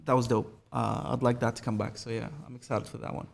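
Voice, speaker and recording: A man co-hosting a sneaker podcast in casual chat, eager and quick to react. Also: medium pitch, flat delivery, gravelly. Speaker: podcast co-host.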